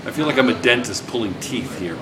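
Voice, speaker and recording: Here a physics teacher speaks at a quick pace with a medium-pitched, expressive voice while a crowd murmurs behind him. He banters with the class and repeats their answers back. The classroom audio is noisy.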